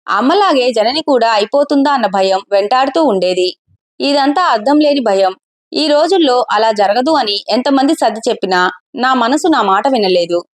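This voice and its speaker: A woman voicing a young married man as he quietly confesses a painful memory in a read-aloud story. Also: a little high, natural voice.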